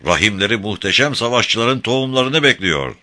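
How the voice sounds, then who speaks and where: A domineering king bellows his boasts and sneers at his subjects in a loud, raised, bright and forceful voice, as a narrator puts him on. His scorn is constant and his commands come out as roars. It is a storybook reading. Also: lowish voice, animated, normal speed, pitched above the performer's own voice. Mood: scornful. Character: roaring proud tyrant king, contemptuous, domineering. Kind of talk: audiobook character voice.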